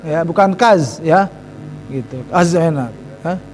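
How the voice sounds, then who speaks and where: A man with a Sundanese accent teaching Quran recitation casually, slowly drawing out recited phrases and repeating syllables to correct pronunciation. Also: a little high, animated, a little mellow. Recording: long hall reverb, faint mains hum.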